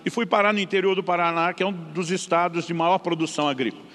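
A pastor preaches a story-driven sermon. He talks quickly, with a slightly raised voice, and brings the dialogue in his story to life. A long hall reverb trails behind each phrase. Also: sits high. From São Paulo state, Brazil. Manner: lively storyteller acting out dialogue.

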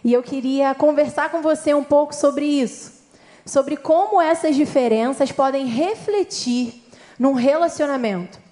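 A woman's voice: sits high, unhurried, warm tone. A woman with a Brazilian accent preaching a sermon, talking directly and friendly to her audience. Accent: Brazilian Portuguese. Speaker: church speaker.

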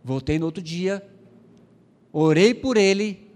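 A man from Brazil, a missionary pastor, telling a testimony in a sermon, acting out the dialogue with many pauses and fillers. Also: high-pitched, animated, a little mellow, big-room sound.

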